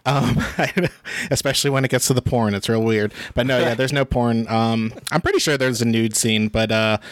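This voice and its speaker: A man's voice: medium pitch, steady tone, fairly quick, clean tone, no echo. A man on a casual film podcast, speaking hesitantly with many ums and uhs. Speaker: podcast co-host. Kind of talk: casual chat.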